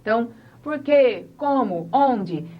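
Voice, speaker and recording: A woman's voice: a little high, expressive, slow pace, dull audio. A woman whose first language is Portuguese, teaching an online English lesson and explaining step by step as she acts out sample dialogues.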